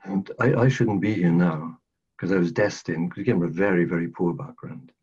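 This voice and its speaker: Brisk and sitting low, his slightly rough, a little mellow voice carries a Welsh accent from South Wales. The older man earnestly tells his life story as a podcast guest, repeating phrases for emphasis, in a casual interview captured on dull lo-fi audio.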